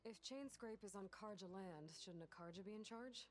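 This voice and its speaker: An actress playing a sharp, skeptical young woman hunter in a studio game, with a dry manner. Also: medium pitch, moderate pace, faint music behind, close to an everyday voice.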